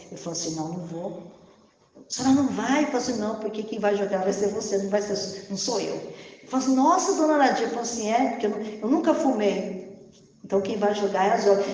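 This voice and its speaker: A woman preacher telling a testimony in a sermon, acting out dialogue and building to fervent shouts. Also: a little high. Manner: storytelling, quoting dialogue, rising to fervent shouts. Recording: echoey hall with long reverb.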